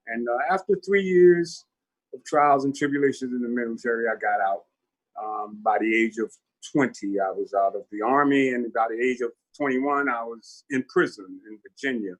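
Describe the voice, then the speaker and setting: Guest speaker, older man in his 70s, husky, candid and reflective testimony. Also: mid-range voice, fairly bright tone, rough recording. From Newark, New Jersey. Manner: reflective, candid storytelling with pauses. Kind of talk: personal testimony at a virtual town hall.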